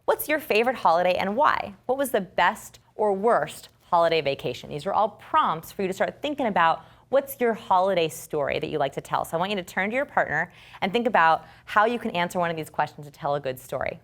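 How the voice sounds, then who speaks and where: Animated woman teaching a workshop. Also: on the low side, brisk. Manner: lively, acts out quoted speech. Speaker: storytelling workshop instructor. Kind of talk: teaching a class.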